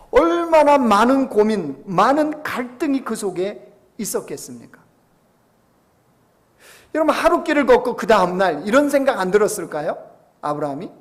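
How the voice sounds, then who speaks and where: A man preaching a Sunday sermon in a fairly high, gravelly voice. He keeps turning to the congregation with rhetorical questions. He moves between soft, hushed asides and raised, emphatic lines. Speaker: pastor.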